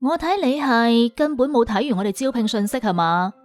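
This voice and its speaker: In a Cantonese audio drama, a woman voices a haughty, scathing female job interviewer who lectures with cutting, scornful contempt. Her voice is a little high and close to everyday speech, animated and at a moderate pace, over soft background music.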